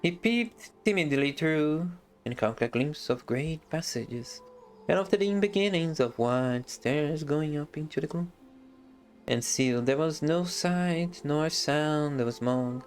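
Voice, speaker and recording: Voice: medium pitch, animated, slow pace. A streamer reading a fantasy novel aloud on a live stream, breaking off for casual, joking asides.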